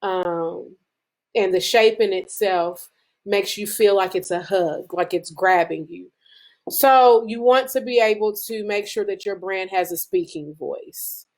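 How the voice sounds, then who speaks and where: A woman giving a casual branding lesson to a group, talking conversationally with frequent fillers and restarts, speeding up when excited. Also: medium pitch. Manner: speeds up and slows down as she gets excited. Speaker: business branding presenter. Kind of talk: casual teaching talk to a group.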